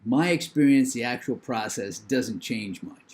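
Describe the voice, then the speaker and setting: An older man with a New England accent and a medium-pitched voice delivers a recorded lecture. He's measured and opinionated, pausing to think and using fillers.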